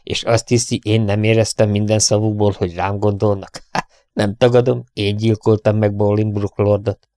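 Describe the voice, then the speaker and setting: A sneering young villain, as a male audiobook reader puts him on, mocking his captives and laughing between threats. The voice sits fairly low with a dry, close sound. He gloats over every word. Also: level tone, mellow, no echo, natural voice. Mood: gloating, menacing. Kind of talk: audiobook character reading.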